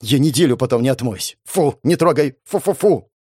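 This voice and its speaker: A man's voice: expressive, moderate pace, darkish tone, husky, no room sound, studio quality. A man voicing a haughty, bitter young woman model who hisses her contempt. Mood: disgusted. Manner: hissing, contemptuous, rising to shrill complaint.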